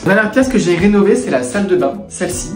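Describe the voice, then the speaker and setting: Touring the apartment he's renovating indoors, a vlogger explains each spot to camera in a high, fast, lively voice. Faint music can be heard behind him.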